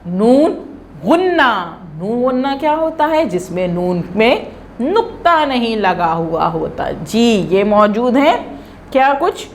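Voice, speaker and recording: Woman, children's teacher, fairly high voice, lively and slow, faint hiss behind. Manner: drawn-out, sounded-out words for children. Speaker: primary school Urdu teacher. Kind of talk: children's lesson, slow and expressive.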